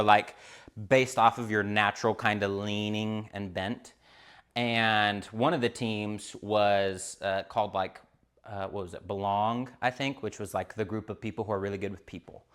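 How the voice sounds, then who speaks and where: A man preaching a sermon as pastor, swinging from loud, emphatic declarations to quiet, conversational storytelling. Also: smooth. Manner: preaches loudly with high-pitched emphatic peaks, then drops to quiet storytelling. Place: church stage.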